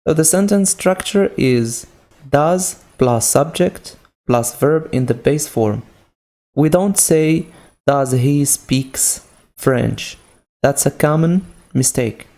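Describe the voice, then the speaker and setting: A Moroccan-accented man teaching an English grammar lesson at a slow, deliberate pace. His voice is dark and mellow with a gravelly edge, and he patiently repeats each point through simple example sentences. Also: fairly high pitch, expressive.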